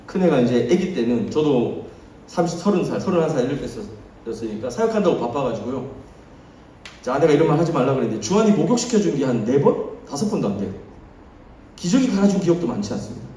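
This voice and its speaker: A man in his thirties giving a youth sermon, telling stories with acted quotes and swinging between soft asides and loud emphasis. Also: a little high, slight background noise. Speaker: youth pastor. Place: church hall. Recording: echoey hall, mic off at a distance.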